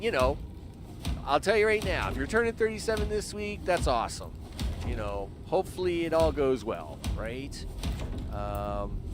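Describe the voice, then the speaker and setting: Over a noisy background, a man in his early fifties with a medium-pitched voice comments on his own game during a live stream. He rambles casually and chattily, talking to himself and to chat with lots of fillers.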